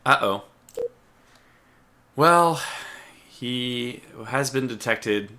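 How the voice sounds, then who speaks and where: Talking extremely slowly, this man gives casual commentary on a strategy game while typing on his keyboard, his voice fading and his throat needing clearing. The medium-pitched delivery is animated and sharp, with slight background noise.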